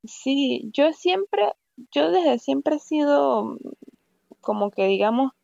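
A woman from Venezuela with a Venezuelan accent, chatting casually as a guest and telling stories with lively asides. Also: sits high, takes it slowly, gravelly, no echo, muffled recording. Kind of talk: casual conversation.

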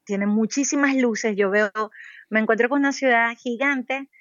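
A pediatric cardiologist from Venezuela recounts her experiences as an interview guest, thoughtful and full of fillers and restarts, slowing down to stress points. Her voice is a little high and a bit bright, on a dry recording with the highs cut off.

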